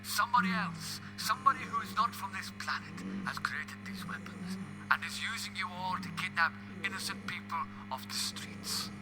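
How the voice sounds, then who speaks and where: Wry, sardonic time-travelling Doctor, higher-voiced man acting. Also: normal speed, over loud music, natural voice, poor audio. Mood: cocky, defiant. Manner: wry, verbose, theatrical. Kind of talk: audio drama acting.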